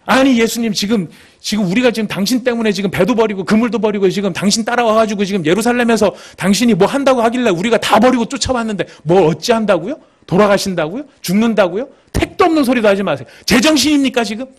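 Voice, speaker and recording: A man's voice: high voice, pitched above the performer's own voice. A male pastor voicing an exasperated grown disciple who scolds his teacher in an indignant rush, in a sermon. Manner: indignant rapid protest.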